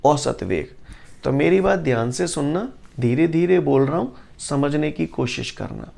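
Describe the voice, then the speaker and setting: A male physics teacher, lecturing a class, quizzing students and repeating definitions slowly. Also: fairly high pitch, lively intonation, creaky, darkish tone.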